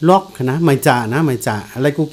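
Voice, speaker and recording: A man giving a casual guitar lesson, explaining slowly and repeating note names as he plays. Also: medium pitch. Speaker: guitar teacher. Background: guitar played along.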